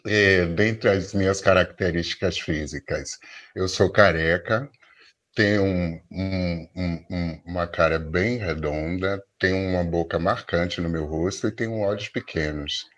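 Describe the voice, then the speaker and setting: A man from Salvador moderating an online debate over a video call, in a measured and ceremonious manner. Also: sits low, a bit bright. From Salvador, Bahia, Brazil. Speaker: debate mediator. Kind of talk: formal online panel moderation.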